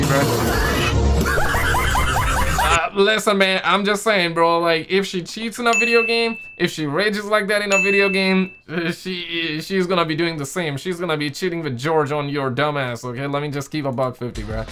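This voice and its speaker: A young man hosting a reaction video with casual, slangy, exclamatory commentary, often repeating his phrases. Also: a little high. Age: young adult. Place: home room with green screen. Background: music.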